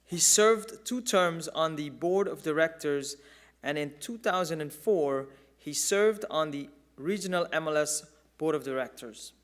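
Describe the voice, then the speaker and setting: A man reading a formal, measured introduction of a keynote speaker. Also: on the high side. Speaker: event presenter. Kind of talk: scripted introduction.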